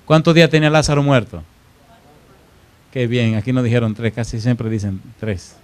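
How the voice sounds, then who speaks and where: A man preaching a sermon in church, telling a story with dramatic swings between loud and hushed delivery and questions to the congregation. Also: medium pitch, moderate pace, clear, resonant tone.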